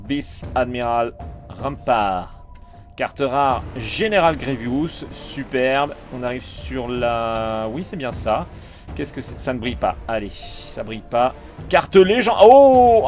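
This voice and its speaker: A man with a French accent chatting casually while opening trading cards, calling out each card and getting excited. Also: medium pitch, takes it slowly, soft background music. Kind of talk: casual card-unboxing commentary.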